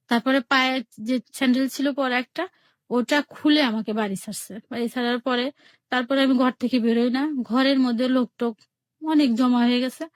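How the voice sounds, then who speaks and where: A woman's voice: fairly high pitch, dry recording. A woman from Bangladesh telling her own life story on a radio call-in show, plainly and with many repetitions, acting out every exchange in quotes. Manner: plain spoken, repeats herself, retells each exchange in quotes.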